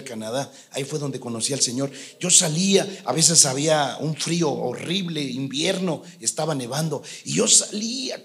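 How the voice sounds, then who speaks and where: Male pastor with a high voice; earnest, storytelling preacher who builds to loud fervor. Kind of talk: sermon.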